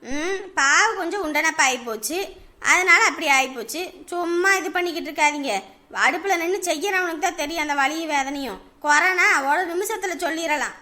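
A woman playing a scolding middle-aged village mother-in-law in a family drama, with a sharp tongue. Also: very high voice, brisk. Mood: defiant.

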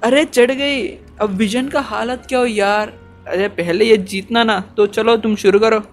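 A man giving excitable, chatty gameplay commentary as a channel host, often dropping in English fillers. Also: sits high, unhurried, faint music behind.

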